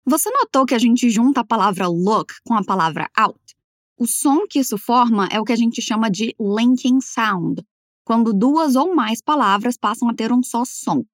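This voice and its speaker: Uma mulher dando aula de inglês em português, falando devagar e articulando as frases com cuidado para o aluno repetir. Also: female voice, a little high, animated, dry recording, clean studio sound. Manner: slow, careful over-articulated model phrases. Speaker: English teacher. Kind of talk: language lesson, repeat-after-me drills.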